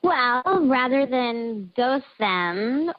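A woman's voice: on the high side, lively intonation, drawn-out words. Woman through a voice changer. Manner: giggly, nervous, chatty with lots of fillers. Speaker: anonymous guest. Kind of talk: casual confession on a talk show. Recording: dull lo-fi voice-changed audio.

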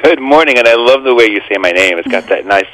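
A man speaking conversationally as an interview guest, halting a little as he thinks aloud. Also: medium pitch, expressive, a bit bright, dry recording, poor audio. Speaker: guest, author and organizational consultant.

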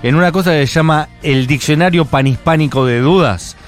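A man's voice: a little high, faint music behind. A man with an Argentine accent hosting a radio talk show, chatty and playful, often jumping in. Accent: Argentine Spanish. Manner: chatty, playful, quick to jump in. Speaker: radio host. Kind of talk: casual radio chat. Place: radio studio.

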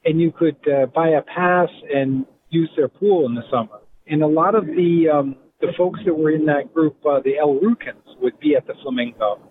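A middle-aged man with a Rhode Island accent, reminiscing in a relaxed, rambling way as an interview guest. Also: fairly high pitch, normal speed, few pauses. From Providence, Rhode Island. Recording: tinny phone line with faint hiss.

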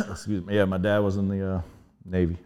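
A man from Northern Virginia answers interview questions in a low, unhurried voice. He pauses often and fills the gaps with easy fillers, relaxed throughout. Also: smooth. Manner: laid-back, halting, with many fillers. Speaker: podcast guest. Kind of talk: casual interview chat.

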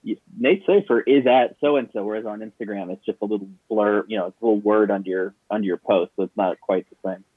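A young man chatting casually on a podcast, heard through low-quality remote call audio, rambling with frequent restarts. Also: steady tone, fast, few pauses, dry recording. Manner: rambling, with many restarts and stammered repeats. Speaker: podcast co-host. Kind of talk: casual chat. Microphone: remote video call. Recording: tinny dry video-call line.

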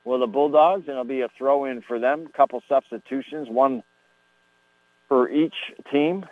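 A man gives play-by-play soccer commentary on AM radio. His voice is mid-pitched and his delivery is folksy and conversational, with a dry sound free of room echo. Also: normal speed, a little mellow. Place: at a school soccer match.

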